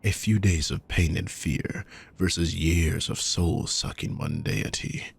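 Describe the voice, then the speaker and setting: In an intimate audio roleplay, a man performs a full character voice as a wealthy, possessive villain who has kidnapped someone. His low, gravelly, husky voice stays calm, courtly and manipulative, delivering measured, formal phrases with soft, quiet menace.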